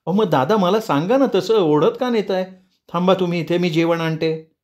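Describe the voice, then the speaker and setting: A man's voice: normal speed, a little mellow, lightly acted. A man doing a frightened young woman. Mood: pleading. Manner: high, pleading, fearful.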